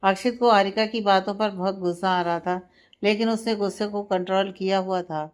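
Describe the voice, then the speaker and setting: Woman reading a story in a clear voice. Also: medium pitch, a little fast. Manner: even, steady reading. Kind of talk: scripted story narration.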